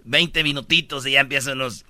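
A man's voice: mid-range voice, fairly quick, very noisy. A man with a Mexican accent hosting a radio show, chatting casually with slang and acting out voices. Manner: animated, slangy, acts out voices. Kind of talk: casual comic radio chat.

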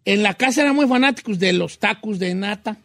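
A man's voice: sits high, fairly quick, creaky, no room sound. A man hosting a radio show, joking and teasing his co-hosts in casual banter. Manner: joking and teasing, loud outbursts.

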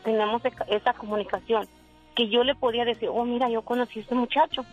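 A woman's voice: fairly high pitch, steady tone, fast talker, soft background music. Woman in her forties calling in. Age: 40s. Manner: rambling storytelling, quoting dialogue. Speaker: caller. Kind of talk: telling a personal story on the phone. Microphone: telephone. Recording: dull phone line.

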